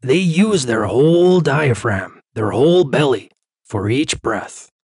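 A man voicing a calm male therapist who talks a patient through breathing exercises in a story reading. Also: medium pitch, slightly rough, no room sound, studio quality, exaggerated voice. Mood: soothing. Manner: slow, soothing instructions.

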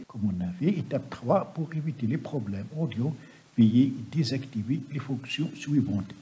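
A man narrates a software tutorial step by step over a screen recording. His voice sits at a middle pitch and is strongly husky and rough. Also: low-quality recording.

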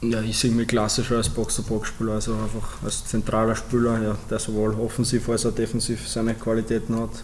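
Flat-voiced young man. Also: fairly low pitch, fairly quick, hardly any pauses, slight background noise. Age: 20s. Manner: even, flat delivery with many fillers. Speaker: footballer. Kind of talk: interview answers.

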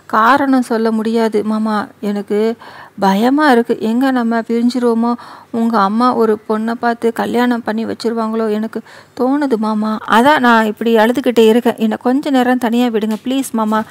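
Brief: a woman doing a tearful young wife in a storybook romance, soft and pleading, high-ish voice. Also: steady tone, normal speed, natural voice.

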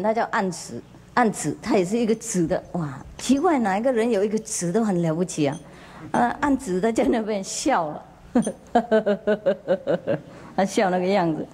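A woman spiritual teacher with a mid-range, slightly mellow voice and lively intonation tells a parable at normal speed to a group meditation gathering. Her storytelling sermon is chatty and laughing, full of fillers, and she questions her listeners directly; there is slight background noise.

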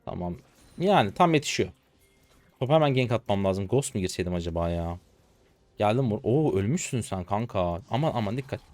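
A hoarse man in his twenties giving slangy live commentary to viewers while he plays a game. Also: fairly low pitch, lively intonation, a little mellow, no room sound. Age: 20s. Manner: rapid slangy chatter to viewers. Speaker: gaming streamer.

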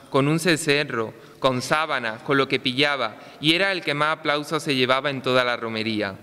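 A young man reading a ceremonial festival proclamation aloud in a measured, declaimed way. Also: medium pitch, bright, forceful tone, smooth. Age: young adult. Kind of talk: read-out ceremonial speech with recited verse. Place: large ornate church, indoors. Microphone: microphone on a stand. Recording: long church reverb.

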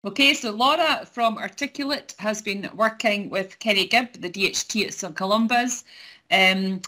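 Bright-voiced woman hosting online. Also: medium pitch, normal speed. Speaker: online event host. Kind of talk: informal hosting and introductions. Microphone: video call.

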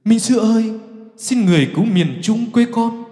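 A desperate monk cries out in a strained, high wail, put on by a man reciting a dream poem. The timbre stays dark and mellow under the raised pitch, and a long hall reverb trails every phrase. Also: animated, normal speed, soft background music. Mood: pleading.

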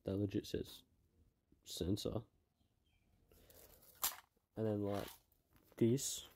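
The speaker is a man narrating his car project as he works down in a tight footwell, breathless, cursing and mumbling as he goes. He has a lowish, warm voice with a level tone and drawn-out words. A little hiss or hum sits under the audio.

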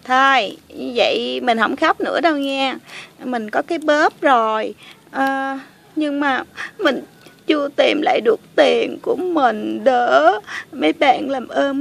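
Woman doing a whiny, high doll lady. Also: creaky, full character voice. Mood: accusing. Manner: whiny, pleading, dramatic. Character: whiny pretty doll lady who cries. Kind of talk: toy play voice acting.

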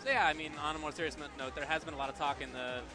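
A young man co-hosting a casual chat, talking in an animated way with frequent laughs and fillers. His voice sits a little high, and clear music runs underneath. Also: very fast. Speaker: co-host.

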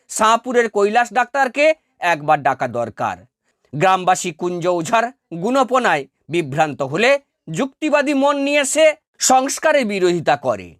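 In a mid-range voice, a woman teacher reads a scripted lesson aloud, presenting exam answers as an essay to twelfth-grade students. Her delivery is formal, emphatic and carefully phrased, and the studio-quality recording has no room sound.

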